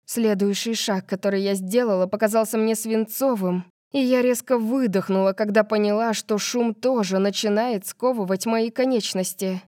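A woman narrating a first-person fantasy audiobook in a steady, measured way. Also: medium pitch, no room sound, clean studio sound.

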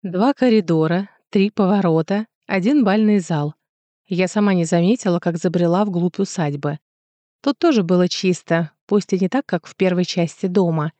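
Mellow female audiobook narrator. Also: on the low side, dry recording. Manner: measured, storytelling. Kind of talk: scripted narration.

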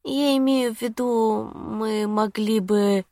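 Женщина-чтица озвучивает игривую, влюблённую молодую женщину, мягко и с придыханием. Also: female voice, fairly high pitch, steady tone, slow, dark tone, no echo, clean studio sound, pitched above the performer's own voice. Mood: flirty.

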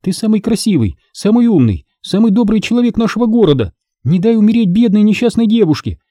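A frantic, foul-mouthed young addict woman, voiced by a man in an audiobook thriller. The voice sits well up high and begs shrilly. Dry, close sound. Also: sing-song, quick pace, mellow, dry recording. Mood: pleading. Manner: shrill, begging. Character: desperate young junkie woman, pleading, crude.

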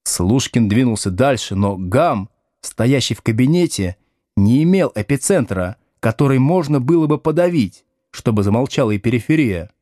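A man narrating a novel in an expressive storytelling manner. His intonation rises and falls in a lively way, at a middle pitch. The recording is dry and close. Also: normal speed, no room sound. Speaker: audiobook reader. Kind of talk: scripted narration.

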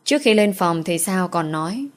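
A woman reading an audio novel in a steady voice. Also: on the low side, moderate pace. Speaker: narrator.

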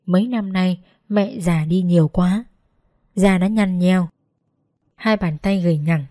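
A woman narrating an emotional first-person story in a slow, gentle, measured reading. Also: lowish voice, dry recording. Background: faint background music.

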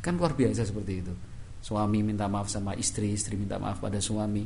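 A man's voice: fairly low pitch, a little fast, warm tone, slight background noise. Javanese-accented man preaching conversationally. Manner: conversational, acts out quoted dialogue in shifted voices; repeats "kan itu" as a verbal tic. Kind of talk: religious study lecture.

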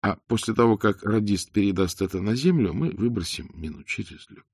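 A man reading an audiobook, voicing a fearless male spy who threatens his enemy in a cool, measured way. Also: lowish voice, animated, gravelly, darkish tone, husky, no room sound, clean studio sound, exaggerated voice. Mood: coldly commanding. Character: cold, unafraid male spy, taunting calmly.

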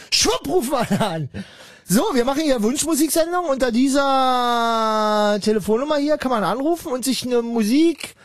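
A man's voice: extremely high pitch, no room sound, clean studio sound. A man hosting a call-in radio show, joking bluntly with his callers. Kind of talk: casual call-in radio chat.

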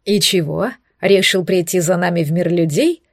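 A woman voicing a seductive adult male demon lover, murmuring low and purring. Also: moderate pace, creaky, dry recording, studio quality. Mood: growling.

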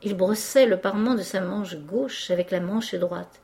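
Female audiobook reader, measured and expressive, warm mellow voice, mid pitch. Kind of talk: literary narration.

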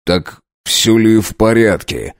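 Casting: man playing a restrained vampire count, low, unhurried, dry close sound. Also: no room sound. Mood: uneasy, dry. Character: blind male vampire count, anxious and restrained. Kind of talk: audiobook reading.

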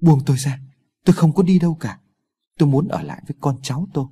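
A man voicing a sick old grandmother in a spoken ghost story, wailing and pleading loudly. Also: a little high, fast talker, husky.

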